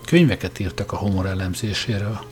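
An eager, jittery politician, voiced by a male reader, answers with forced friendliness. His voice sits a touch low and placating. Faint music hums underneath. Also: close to an everyday voice.

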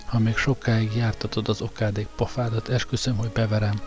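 A man's voice: lowish voice, little pitch movement, over music, lightly acted. A man voicing a brutal, mocking male guard who taunts and threatens coarsely in an audiobook reading.

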